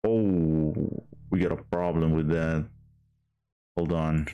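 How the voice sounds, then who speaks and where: A male streamer with a low, smooth, clear voice chats casually over a game. He talks slowly and hesitantly, full of fillers and restarts. Faint music plays behind him. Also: fairly even intonation, lo-fi sound.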